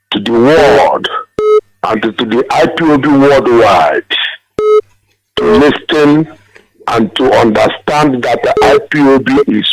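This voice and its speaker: A male caller speaking over a phone line on a live call-in broadcast, earnest and emphatic, repeating his key phrases. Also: medium pitch.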